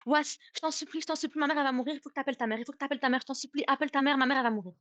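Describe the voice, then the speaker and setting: A woman voicing a panicked young man who begs frantically for help, his voice climbing higher and higher. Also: rapid-fire, bright, forceful tone, no room sound. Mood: desperate pleading. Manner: frantic pleading, rising pitch.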